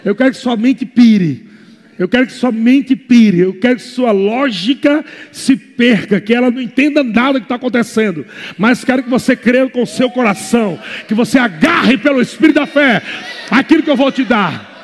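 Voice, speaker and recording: High-voiced Brazilian pastor preaching fervently. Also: male voice, expressive, normal speed, long reverb tail. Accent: Brazilian Portuguese. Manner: impassioned preaching that swings between quiet asides and shouted exhortation. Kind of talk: fervent sermon.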